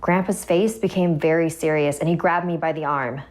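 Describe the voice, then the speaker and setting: A woman's voice: low-pitched, steady tone, moderate pace, a little mellow. A woman narrating a scripted first-person horror story, with music behind her voice.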